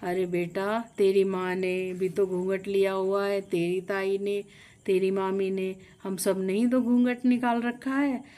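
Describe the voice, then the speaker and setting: A woman's voice: medium pitch, flat delivery, unhurried, warm tone, lightly acted. A woman voicing an older female relative who taunts and lectures the groom in a storybook tale. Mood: taunting.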